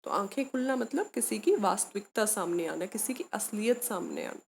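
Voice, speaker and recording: A woman's voice: medium pitch, lively intonation, moderate pace, creaky, a little hiss or hum. A woman teaching a grammar lesson to students, explaining patiently, asking questions and answering them herself, and mixing in English words. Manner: calls students beta, mixes English words.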